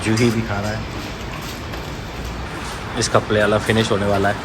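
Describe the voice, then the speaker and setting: A hoarse man working as a dog trainer who explains things calmly in a casual vlog and breaks off to call loud, sharp commands to the dogs. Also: lowish voice, normal speed. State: hoarse from a sore throat. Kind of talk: casual vlog narration while handling dogs. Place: outdoors at a dog hostel. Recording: noisy outdoor recording with barking dogs. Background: dogs barking.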